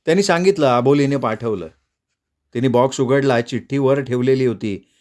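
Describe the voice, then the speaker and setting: A man's voice: mid-range voice, animated, a little mellow. Man reading a story aloud. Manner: measured, short phrases. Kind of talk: audiobook story narration.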